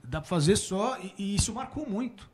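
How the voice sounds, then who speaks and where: Brazilian man in his forties, high and very lively voice, chatty talk-show guest telling stories. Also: normal speed. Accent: Brazilian Portuguese. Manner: animated, laughs often, quotes his father. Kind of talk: casual storytelling. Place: small room before a small audience.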